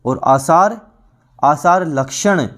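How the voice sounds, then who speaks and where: A man teaching an exam-prep grammar lesson, repeating each word slowly and quizzing with rhetorical questions. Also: a little high, fairly bright tone.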